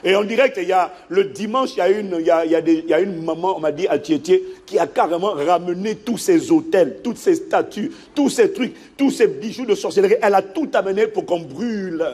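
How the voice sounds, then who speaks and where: A man preaching a sermon as a pastor, telling a story in an animated way and acting out the people in it. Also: high-pitched, fairly quick, few pauses, slightly rough. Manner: animated storytelling, acts out the people in his stories.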